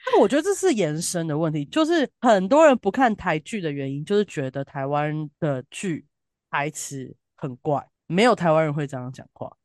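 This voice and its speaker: A woman's voice: deep voice, sing-song, normal speed, darkish tone, no room sound, studio quality. A woman from southern Taiwan with a southern Taiwanese Mandarin accent, chatting casually and bluntly as a co-host with emphatic, colloquial opinions. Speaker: podcast co-host reviewing TV drama.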